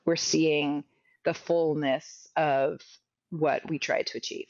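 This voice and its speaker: A hoarse woman frankly telling a personal story in casual conversation, coughing now and then. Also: low-pitched, level tone, takes it slowly, darkish tone, dry recording, lo-fi sound. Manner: frank, chatty, occasional coughs. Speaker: podcast guest sharing a personal story.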